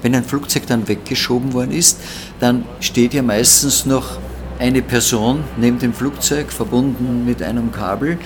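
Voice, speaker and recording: Man, mid-pitched podcast interviewer, clear background noise. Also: steady tone, normal speed. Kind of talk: interview questions.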